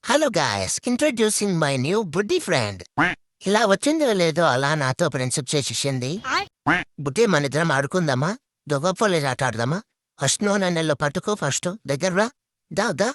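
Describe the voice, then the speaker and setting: A performer voicing a cheeky, greedy young female pug dog in a comic pet video, nagging and whining in quick chatter. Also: mid-range voice, very animated, dry recording, clean studio sound, natural voice. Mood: chatty. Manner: fast, whiny nagging chatter.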